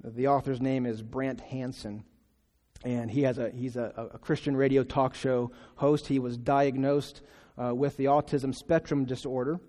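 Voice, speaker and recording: A man delivers a sermon in a mellow, darker voice at an ordinary pitch. He speaks conversationally and haltingly, often restarting his phrases. His voice carries a long reverb from a large hall. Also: level tone. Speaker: pastor.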